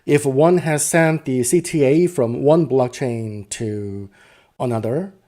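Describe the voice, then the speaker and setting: A man with a warm, medium-pitched voice takes it slowly as he narrates an unscripted software demo. He explains each step and often rephrases himself along the way.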